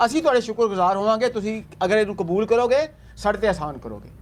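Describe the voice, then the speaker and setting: Filming an on-site charity vlog, a man from Pakistan distributes aid and keeps earnestly repeating his reassurances. His high voice is expressive and fast, with slight background noise.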